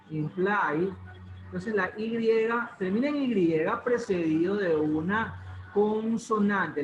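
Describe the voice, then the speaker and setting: A man's voice: sits high, a little hiss or hum. A man teaching an online English grammar class, patiently repeating rules and calling on students. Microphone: video call. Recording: muffled video call in an echoey room.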